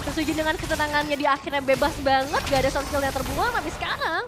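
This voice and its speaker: A woman with an Indonesian accent commentating a live mobile game match as an esports shoutcaster, with announcer-style hype. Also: sits high, fast. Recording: loud music behind.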